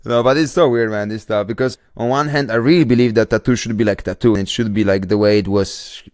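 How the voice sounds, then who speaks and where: Chill guy, low voice, dry close sound, says man a lot. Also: quick pace, a little mellow, no room sound. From Poland. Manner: laid-back, frequent "man" and "like". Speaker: guest tattoo artist. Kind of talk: casual podcast chat.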